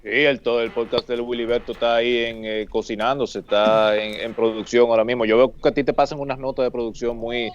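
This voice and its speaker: A man's voice: medium pitch, flat delivery, fairly quick, hardly any pauses, muffled recording, a little hiss or hum. A man on a casual podcast, playfully teasing the others and steering the conversation. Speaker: podcast participant.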